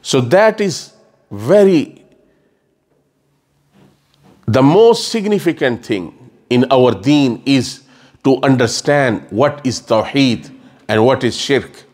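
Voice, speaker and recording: In a mosque lecture room indoors, a middle-aged man who is a religious scholar delivers a sermon lecture that includes Quran recitation, using a stand mic on a table. His mid-range, slightly mellow voice is animated yet slow, with long pauses, as he earnestly explains, gestures and repeats phrases.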